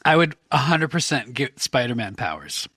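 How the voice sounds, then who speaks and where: Bright, chatty man on dry audio. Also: mid-range voice, very animated, slightly rough, dry recording. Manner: chatty, quick to laugh, self-described big talker. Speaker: guest. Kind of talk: casual chat.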